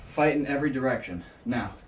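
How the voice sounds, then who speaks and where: A man's voice: mid-range voice, expressive, fairly quick. A man giving a casual martial arts lesson, joking and thinking aloud as he demonstrates, recorded on an action camera set some way off in an indoor training space. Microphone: action camera set at a distance. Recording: echoey room, distant camera mic, faint noise.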